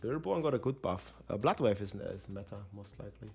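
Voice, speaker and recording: A male game streamer heard through livestream headset audio, talking things through out loud and answering his chat as he goes. His pitch moves around a lot in a lively, animated way. Soft music plays faintly behind him. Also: brisk, creaky. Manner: thinks aloud, addresses chat directly. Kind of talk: casual livestream chat while planning builds.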